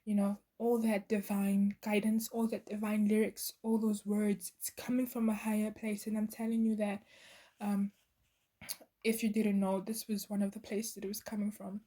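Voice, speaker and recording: A woman's voice: medium pitch, monotone, moderate pace, mellow. A woman giving a channeled tarot reading to her viewers, earnest and meandering, with many fillers and restarts. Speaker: tarot reader.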